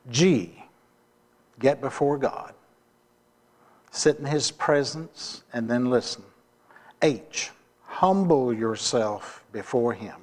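Slow-preaching pastor in a reverberant church. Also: male voice, medium pitch. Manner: slow, deliberate preaching with rhetorical questions. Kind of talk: sermon. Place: church sanctuary. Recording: long reverb of a church hall.

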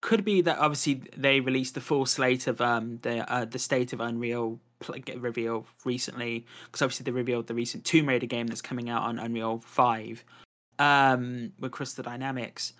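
A man hosting a relaxed podcast, chatting about games and shows. He rambles easily, stacking fillers and tacking "to be honest" onto his thoughts. His voice sits at an ordinary middle pitch. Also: moderate pace. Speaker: podcast host. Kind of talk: casual chat.

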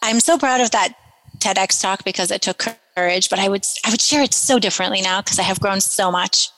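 A woman from Iran, a podcast guest, telling her story in an animated, rambling way. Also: mid-range voice, brisk, in a large hall, low-quality recording. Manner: animated storyteller with many fillers and restarts. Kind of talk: casual storytelling in conversation.

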